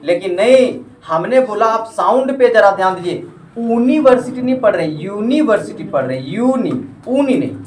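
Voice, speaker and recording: A man's voice: high-pitched, animated, normal speed, few pauses. Man teaching a class, echoey room. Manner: prompts the class to finish his sentences. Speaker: English grammar tutor. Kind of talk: classroom lesson. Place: coaching classroom. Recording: roomy classroom from a distance. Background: students chattering and answering.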